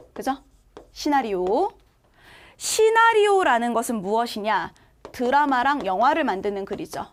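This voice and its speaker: A woman teacher giving an online exam-prep lecture, animated and often turning to speak to her students. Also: on the high side. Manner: animated, addresses students directly.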